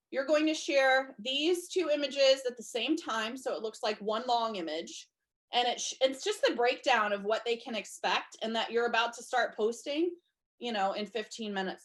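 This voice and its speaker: A woman coaching sellers in a chatty instructional talk, slightly hoarse from losing her voice and often checking in with her listeners. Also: fairly high pitch, fairly bright tone. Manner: chatty, checks in with "okay?" and "you guys". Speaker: direct sales trainer.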